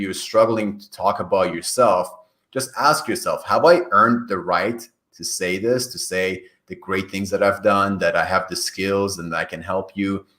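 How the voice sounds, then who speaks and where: This podcast guest is an Iranian career coach and native Farsi speaker, offering earnest, explanatory answers in a conversational interview. He speaks on the low side with a fairly bright tone, and the room gives off heavy echo and reverb.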